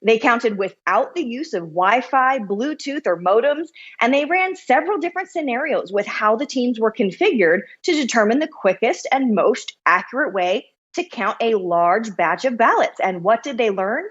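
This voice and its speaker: Upbeat female news correspondent, high voice. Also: expressive, moderate pace, few pauses, dull audio. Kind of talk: scripted news report.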